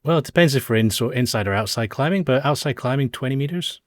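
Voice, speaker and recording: A man hosting a podcast, answering questions about his hobby in a relaxed, casual way. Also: medium pitch, fast talker, dry recording, studio quality. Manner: relaxed, brief answers and backchannel hums. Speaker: podcast host. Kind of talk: casual chat.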